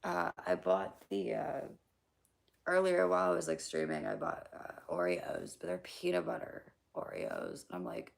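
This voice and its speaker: Reading her chat live, this young streamer has a low, very gravelly, hoarse and scratchy voice. Her pitch swings hugely at a moderate pace, and her loose, blunt talk is packed with fillers and casual curses, frequently sinking almost to a whisper.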